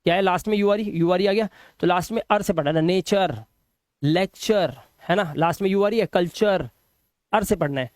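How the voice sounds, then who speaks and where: A man with a fairly high voice and a Hindi accent teaches English pronunciation rules. He repeats example words slowly and keeps reassuring his students. The sound is close and dry. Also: dry recording. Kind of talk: classroom lesson explaining rules.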